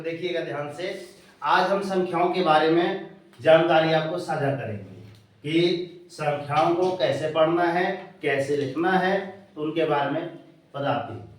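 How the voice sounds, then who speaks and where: A man teaching a maths class to children, quizzing them in call-and-response and spelling words out letter by letter. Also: fairly high pitch. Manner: drills pupils with call-and-response questions. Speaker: coaching teacher. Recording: very echoey room, voice from a distance.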